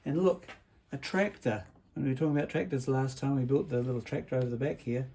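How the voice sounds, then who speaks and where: A fast-talking man with a medium-pitched, steady voice hosts a kids' workshop vlog as a builder. His manner is that of a cheerful party host, making things easy to follow and checking in with tag questions.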